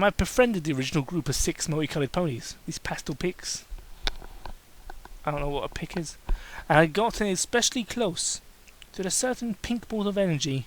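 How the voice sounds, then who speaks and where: Someone hosting a fan fiction reading performs the amateur text with comic drama, mocking and exasperated. They stumble over lines and cut away for sarcastic asides, in a mid-range voice on a rough recording.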